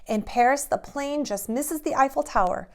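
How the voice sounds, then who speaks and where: Here a preschool teacher speaks at a normal speed in a voice that sits high. She uses simple, guiding words with small children, as in an expressive read-aloud or a drawing class.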